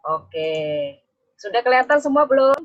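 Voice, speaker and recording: A woman's voice: sits high, animated, moderate pace, muffled recording. A woman Sunday school teacher telling a story to children on a video call, coaxing them with questions.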